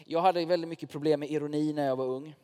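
A man's voice: fairly high pitch, fairly even intonation, mellow, clear, resonant tone. Male pastor, casual conversational preaching, recorded in a church with long reverb. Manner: informal, direct address to the congregation, personal stories. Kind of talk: sermon.

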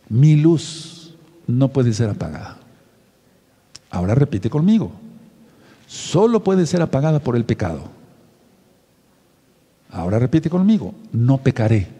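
Dark, husky-voiced preacher in a reverberant hall. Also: male voice, mid-range voice. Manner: leads the listeners in repeating phrases. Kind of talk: sermon with call-and-response affirmations.

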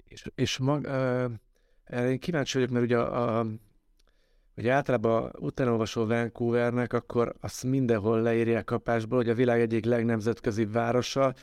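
A man's voice: mid-range voice, flat delivery, darkish tone, smooth, no room sound. A man hosting a casual interview, thoughtfully building long questions step by step. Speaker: podcast interviewer, host.

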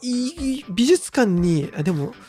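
A man's voice: extremely high pitch, slow pace, soft background music. A man around thirty co-hosting a podcast, telling frank, rambling stories in casual chat. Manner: relaxed, rambling, frank storytelling. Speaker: podcast co-host.

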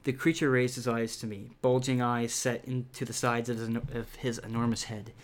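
A man's voice: medium pitch, little pitch movement, moderate pace. A man reading a children's horror book aloud, breaking off with laughs and casual asides. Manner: laughing asides, many fillers. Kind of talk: casual read-aloud with commentary.

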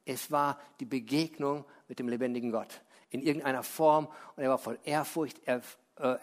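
A man preaching a sermon as pastor, chatty and conversational, slowing and dropping low when he quotes scripture. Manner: lively, conversational preaching with tag questions.

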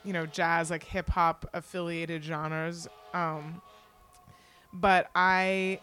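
A woman's voice: fairly low pitch, flat delivery, slow pace, a bit bright, clean tone. A young woman in casual conversation, speaking in a candid, rambling, self-deprecating way. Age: young adult. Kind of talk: casual chat.

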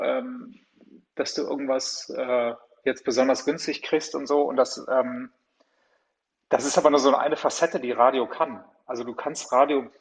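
A man in a casual podcast chat explaining radio advertising in a relaxed way. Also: medium pitch, gravelly, low-quality recording. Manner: relaxed, addresses listener as du.

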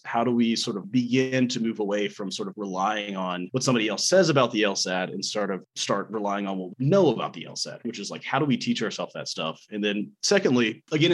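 A man's voice: on the low side, a bit bright, husky. A young man tutoring in a casual webinar, rambling with many "sort of" and "like" fillers. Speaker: LSAT tutor giving a webinar.

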